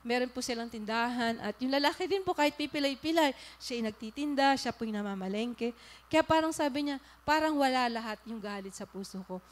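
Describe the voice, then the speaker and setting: A woman pastor from the Philippines preaching with a fairly high voice. She tells her story with animation and turns to the congregation with questions, earnest and polite. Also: animated, fairly quick. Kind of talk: sermon with storytelling.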